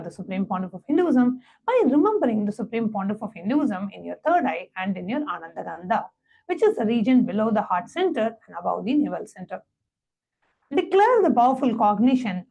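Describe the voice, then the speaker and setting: A woman presenting a devotional satsang, reading a story aloud and then giving step-by-step guided instructions in a measured, reverent way. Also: medium pitch, darkish tone, low-quality recording.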